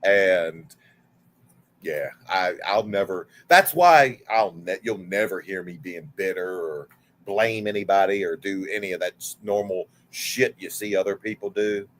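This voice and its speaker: A man's voice: sits low, a little slow. A man in his forties, a guest on a livestream, chatting casually and telling stories in a candid way, swearing freely. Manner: animated, candid storyteller who swears freely.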